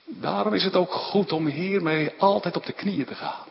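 A man's voice: high-pitched, moderate pace, gravelly. A man preaching a sermon, retelling scripture with emphatic rises and a frequent tag "hè". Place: church. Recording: dull sound with long church reverb.

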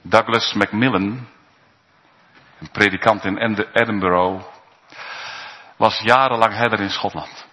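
Slow, emphatic male preacher in a reverberant church. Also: fairly low pitch, fairly even intonation, pushed and bright. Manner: slow, emphatic preaching with pauses and rising calls. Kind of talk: sermon. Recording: dull recording in a reverberant church.

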